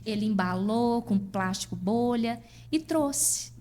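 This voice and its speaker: Brazilian woman telling a lively story. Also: a little high, slow pace, a little hiss or hum. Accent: Brazilian Portuguese. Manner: lively, acts out dialogue in her stories. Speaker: podcast guest. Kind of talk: personal storytelling in casual chat.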